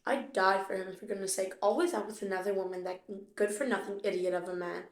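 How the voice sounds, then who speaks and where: A woman's voice: mid-range voice, fairly even intonation, quick pace, lightly acted. A woman voicing a resentful drowned bride ghost who gripes sourly in a puppet stage play. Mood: bitter. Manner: sour, resentful griping. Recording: roomy echo.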